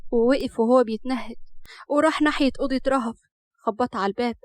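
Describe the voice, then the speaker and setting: A woman storyteller with an Egyptian accent reads a family tale in a brisk, lively manner. Her voice sits a little high and moves quickly. The recording is dry and close. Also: no echo. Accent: Egyptian Arabic. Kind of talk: colloquial storybook narration.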